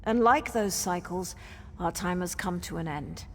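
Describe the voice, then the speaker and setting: With a lowish, unhurried voice, an actress plays an ancient female spirit guardian, solemn and ceremonial, who speaks in cryptic riddles for a fantasy game. It is theatrical game dialogue, recorded with a long cavernous reverb and noise in the background.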